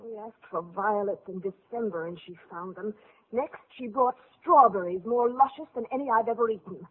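A woman's voice: mid-range voice, moderate pace, breathy edge, close to an everyday voice. An actress playing a scheming, cruel middle-aged stepmother in a vintage radio play, theatrical and menacing. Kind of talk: 1940s radio acting. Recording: tinny old radio broadcast.

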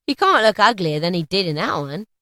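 Brazen, swooping, bright-voiced female thief. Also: lowish voice, big pitch swings, fairly quick, no echo, studio quality. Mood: brazen, mocking. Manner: scornful, cackling, rough colloquial speech. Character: brazen, gloating working-class woman thief, callous and mocking. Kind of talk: storybook character acting.

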